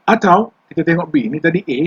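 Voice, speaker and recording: A man's voice: on the high side, expressive, brisk, husky. An older man with a Malaysian Malay accent, teaching environmental law in a chatty lecture style, mixing English terms into his Malay and putting questions to the class. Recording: dull lo-fi recording.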